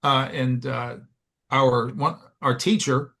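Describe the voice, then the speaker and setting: A man, a church elder appearing as a guest, chatting casually in a measured way and giving advice. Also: mid-range voice, fairly even intonation, fairly bright tone. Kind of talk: casual chat.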